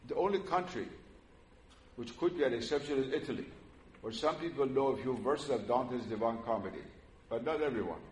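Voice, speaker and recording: The roomy, faintly noisy recording captures an older Iranian man, a native Persian speaker, giving a public religious lecture to an audience in a hall. He speaks at medium pitch in a measured, earnest manner, with frequent "uh" pauses.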